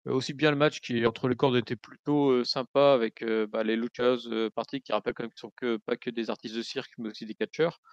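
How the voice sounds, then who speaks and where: Man, smooth resonant voice, halting opinions, slightly dull dry sound. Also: mid-range voice, steady tone, no room sound. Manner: halting, repeats words, joking. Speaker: podcast co-host. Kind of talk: casual podcast opinion chat.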